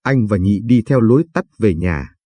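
Male narrator for late-night radio stories, calm and measured, low dark husky voice. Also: no echo. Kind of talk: scripted storytelling narration.

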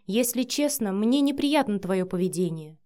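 A fiery, jealous young woman with a sharp, emotional delivery, read by a woman narrating an audiobook. Her lines stay quick to flare up. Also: mid-range voice, lively intonation, natural voice. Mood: soft.

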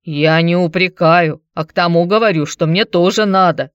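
A woman's voice: on the low side, measured pace, fairly bright tone, no room sound, highs cut off. A woman voicing a broke, hard-drinking man who talks in a grumbling, wheedling, pushy way.

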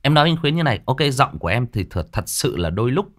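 Northern Vietnamese male narrator, unscripted rebuttal, animated pitch, stumbling restarts. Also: fast. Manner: defensive, repetitive, with many fillers and restarts. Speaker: audiobook narrator answering a listener. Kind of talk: unscripted direct address to a commenter.

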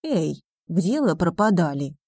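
A woman reading the part of a lively, cheerful schoolgirl who is eager and impatient. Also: on the low side, measured pace, slightly rough, dry recording, full character voice.

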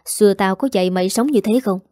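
A gruff, angry middle-aged father, lecturing his son, voiced by a woman reading a story. The tone is mellow and the recording is dry and close. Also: medium pitch, quick pace, no room sound, close to an everyday voice.

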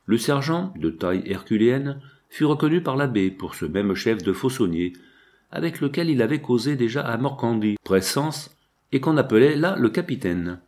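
A man reading a classic novel aloud as an audiobook, in a steady, measured storytelling manner. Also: mid-range voice. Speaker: audiobook narrator. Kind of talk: scripted audiobook narration.

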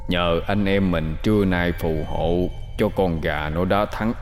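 A man voicing a greedy male water ghost that grumbles to itself in a hushed mutter. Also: sits low, steady tone, unhurried, in a large hall, faint music behind. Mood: grumbling mutter.

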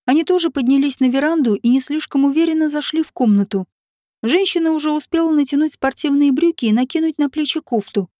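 A woman narrating an audiobook in a measured, expressive reading style. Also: sits high, dry recording, clean studio sound. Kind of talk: scripted narration.

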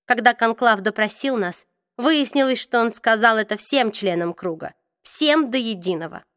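A woman's voice: fairly high pitch, normal speed, fairly bright tone, dry recording, clean studio sound, close to an everyday voice. A woman reading an audiobook, voicing a bitter, proud middle-aged woman who accuses and argues intensely. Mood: weary, bitter.

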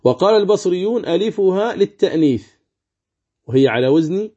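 A man teaching Quran recitation rules, explaining calmly and chanting example words slowly. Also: high-pitched. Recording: dull lo-fi recording.

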